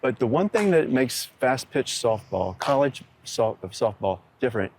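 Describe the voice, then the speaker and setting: A man's voice: mid-range voice, big pitch swings, a little slow, slight background noise. A man hosting a casual on-location segment, chatty and good-humored. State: out of breath. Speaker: show segment host.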